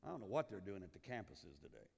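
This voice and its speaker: A man from Liberia preaching a sermon as pastor, swinging from loud urgency down to hushed, low lines. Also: big pitch swings, fast talker, vocal fry, breathy edge. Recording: long hall reverb.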